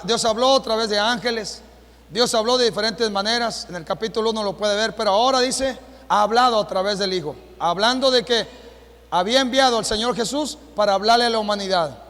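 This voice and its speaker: A Mexican man preaching a sermon as pastor, with a Mexican Spanish accent, asking the congregation rhetorical questions and rising to shouts. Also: sits high. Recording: long hall reverb.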